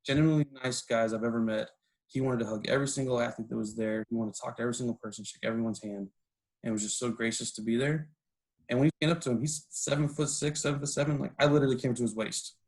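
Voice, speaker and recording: A man, a guest in a casual interview, talking in a relaxed way and often restarting his sentences. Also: mid-range voice, quick pace, poor audio. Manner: relaxed, with frequent restarts and fillers.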